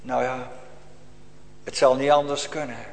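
A man's voice: medium pitch, level tone, unhurried, creaky. A man preaching a solemn, urgent sermon full of rhetorical questions to his congregation. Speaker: pastor. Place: church. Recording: long reverb of a church hall.

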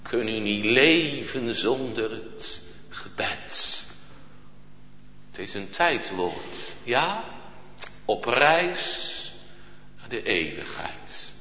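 A man's voice: medium pitch, sing-song, drawn-out words, long pauses, slight background noise. A man preaching a sermon in solemn, archaic churchly phrasing, rising at times to impassioned cries. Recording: lo-fi, echoey church hall recording.

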